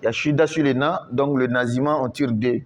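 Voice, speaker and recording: A man's voice: medium pitch, fairly even intonation, a little hiss or hum. A man teaching Quran recitation in French, patiently repeating each word and drawing out the recited syllables. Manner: slow, repeats words many times, drawn-out recitation.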